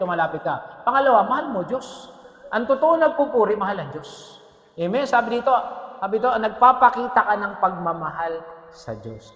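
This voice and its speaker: A male pastor delivers a lively, joking sermon with a high, bright voice. He mixes English phrases into his preaching and keeps checking in with the congregation. The recording echoes with the long reverb of a church hall.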